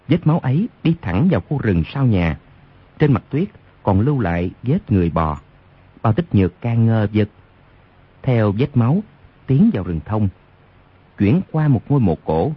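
A man with a low, slightly husky voice narrates a long martial arts tale. His reading rises and falls with lively expression. The sound is muffled and lo-fi, as from a radio broadcast. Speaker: audiobook narrator. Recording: lo-fi radio recording.

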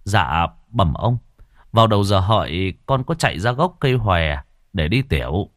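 A man's voice: low voice, sing-song, moderate pace, fairly bright tone, no room sound, clean studio sound. A man voicing a deferential foot soldier reporting hesitantly to his superior.

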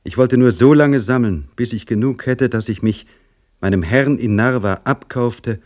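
A man's voice: medium pitch, normal speed, a little mellow, pitched above the performer's own voice, close to an everyday voice. A man reading a story, voicing a young male serf servant who talks eagerly and earnestly. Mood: longing.

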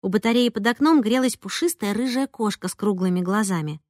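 A woman narrating a first-person audiobook in a lively, conversational way. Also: medium pitch, brisk, no room sound, studio quality. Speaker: audiobook reader.

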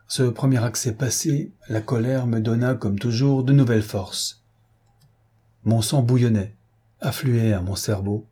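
A man voicing a fierce, wrathful sea captain recounting his ordeal in a measured, intense first-person telling. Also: medium pitch, mellow, husky, lightly acted.

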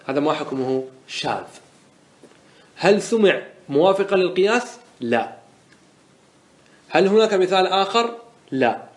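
A man teaching Arabic morphology in a classroom-style lecture. He asks questions and answers them himself, and he slows down to stress the example words. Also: a little high. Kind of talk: classroom lecture explaining a grammar poem. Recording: roomy echo.

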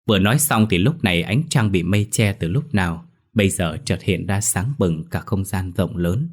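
A man narrating a ghost story in a steady, even storytelling way. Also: sits low, moderate pace.

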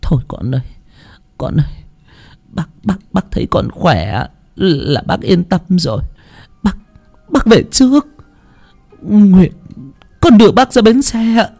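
A storyteller voicing a humble older countrywoman who pleads softly and stammers. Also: medium pitch, animated, takes it slowly, gravelly, pauses often, soft background music, pitched above the performer's own voice, full character voice. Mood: pleading.

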